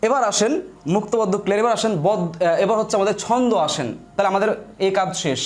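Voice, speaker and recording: A man's voice: high-pitched, quick pace. A man teaching a live online grammar lesson, explaining step by step and repeating his points to viewers.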